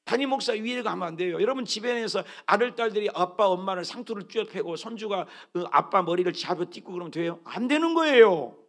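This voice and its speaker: Male pastor, sermon, high and gravelly voice, wildly swinging delivery, sudden loud exclamations. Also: fast talker, few pauses. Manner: animated, exclaiming preacher with sudden loud bursts. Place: church sanctuary.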